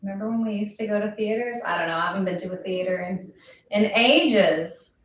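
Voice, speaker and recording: A woman instructor leading a yoga class, talking calmly and slowly with a gently playful touch. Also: mid-range voice, slight background noise. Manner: calm, slow, gently playful. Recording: very echoey room, voice from far off.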